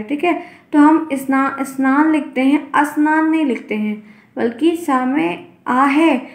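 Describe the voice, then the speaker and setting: A woman's voice: sits high, roomy sound. A woman teacher giving an online exam-prep lesson, explaining by repeating example words and quizzing her class.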